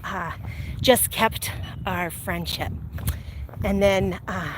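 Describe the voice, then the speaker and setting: A woman's voice: medium pitch, very slow. A middle-aged American woman tells personal stories in a casual, chatty, rambling way while walking. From Illinois, United States. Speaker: vlog host telling personal stories. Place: outdoors while walking, near traffic. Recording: steady ambient and vehicle noise.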